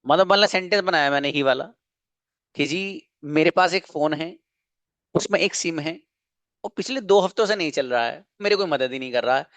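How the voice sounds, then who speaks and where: A man's voice: on the high side, normal speed, fairly bright tone, no room sound. A man teaching an online spoken English class, coaxing and earnest, often repeating himself.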